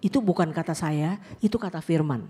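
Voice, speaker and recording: A woman's voice: low-pitched, fairly quick, mellow, breathy edge. A woman pastor preaching a sermon, telling a personal story in a casual way and often turning to the congregation. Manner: colloquial, mixes in English phrases.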